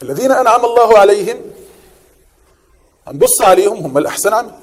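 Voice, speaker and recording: Fast-talking Egyptian preacher in a hall. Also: male voice, high-pitched. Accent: Egyptian Arabic. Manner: animated, asks and answers his own questions. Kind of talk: sermon.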